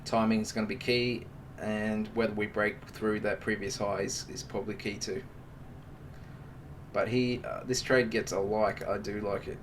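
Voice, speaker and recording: A man's voice: lowish voice, flat delivery, moderate pace, recorded from a distance, a little hiss or hum. A man hosting a trading live stream, giving casual, joking market commentary and calling viewers "mate". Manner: chatty and joking, talks to the viewers as mates.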